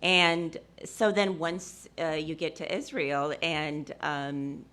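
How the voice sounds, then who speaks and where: A woman's voice: deep voice, steady tone, slow pace, a bit bright. A woman from Ethiopia speaking on a discussion panel, hesitant and full of fillers, often laughing.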